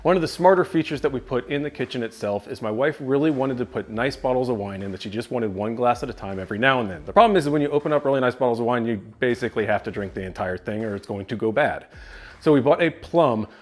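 This man talks fast in a mid-range voice while giving an upbeat, informal tour of his home basement. He's a tech reviewer in his thirties, walking and gesturing toward the camera, miked with a clip-on lapel mic indoors.

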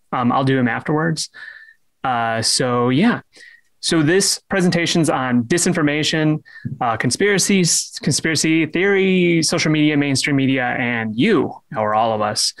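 A young man giving a casual online presentation, halting, with many fillers and restarts, and joking about himself. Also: fairly high pitch, a bit bright. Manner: self-deprecating humor.

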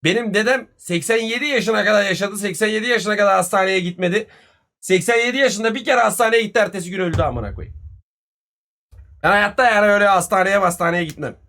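A man, telling a story casually on a live stream, animated and full of swearing and reported speech. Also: sits high, fast. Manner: profane, animated retelling with much reported speech.

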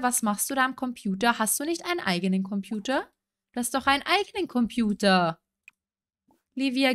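A woman's voice: mid-range voice, fairly bright tone, smooth. A young woman chatting casually as she narrates her own game play, often breaking into surprised exclamations. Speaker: let's play host. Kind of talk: casual let's play commentary.

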